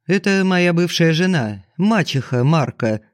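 A man's voice: on the high side, expressive, unhurried, no echo, clean studio sound. A man voicing an arrogant older banker with a curt, commanding, haughty manner in an audiobook. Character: arrogant older male banker, domineering and explosive.

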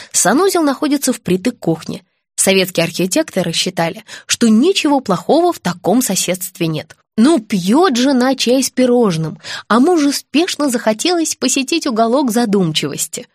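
A woman reads a comic novel aloud in first person, ironic and lively. Her voice sits fairly high and bright. The recording is close and dry, with no room sound. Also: slightly rough, no echo. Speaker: audiobook narrator. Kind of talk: audiobook reading of a comic detective novel.

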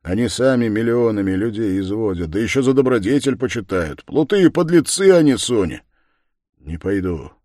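A man's voice: fairly low pitch, animated, normal speed, darkish tone, no echo, clean studio sound, voice pushed up, natural voice. A male audiobook reader voicing a tormented, feverish young man who argues in agitated, bitter outbursts. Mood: bitter defiance. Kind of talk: audiobook character voice.

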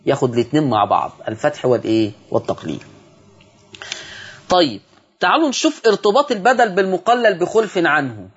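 A man with an Egyptian accent teaching Quran recitation on a televised lesson, explaining quickly and then reciting example words slowly. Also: a little high, very animated, husky, lo-fi sound.

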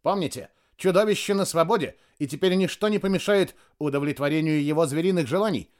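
A man's voice: on the high side, fast talker, natural voice. A man voicing a flamboyant showman doctor who addresses a theatre crowd in a flowery, ingratiating barker's manner. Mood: wheedling.

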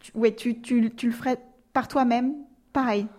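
A woman hosts the interview, asking questions in a slightly high voice. She halts and restarts her questions, reworking them mid-sentence. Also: flat delivery, darkish tone. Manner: halting, rephrases questions.

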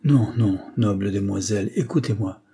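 A man voicing a scheming young cavalier who coaxes a lady in a hushed voice. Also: fairly low pitch, moderate pace, slightly rough. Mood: coaxing. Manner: hushed, coaxing.

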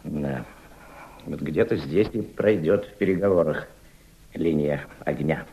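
Speaking in a very deep voice, an actor in a radio drama portrays a senior Soviet diplomat who is impassioned and schools a young subordinate through emphatic, didactic rhetoric and deliberate repetition. Here his mood is firm and instructive, and the audio is dull.

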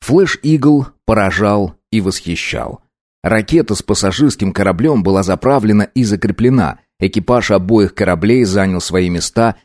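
Man, audiobook narrator, measured, low voice, dry sound. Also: darkish tone, dry recording. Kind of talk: scripted narration.

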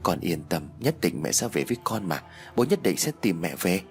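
A man voicing a worried young husband who speaks softly and soothingly to his child and wife. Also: on the low side, animated, fairly quick, faint music behind. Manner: soft and soothing. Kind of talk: audiobook character voice.

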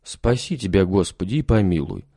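A man's voice: low voice, very animated, moderate pace, mellow, no room sound, clean studio sound, voice pushed down, exaggerated voice. A man reading as a meek, pious old beggar. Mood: humble. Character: humble, timid old male beggar soldier.

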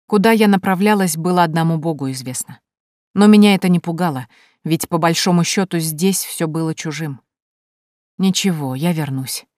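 A woman narrating a first-person story as an audiobook, lively and acting out dialogue. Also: on the low side, brisk, no echo, studio quality.

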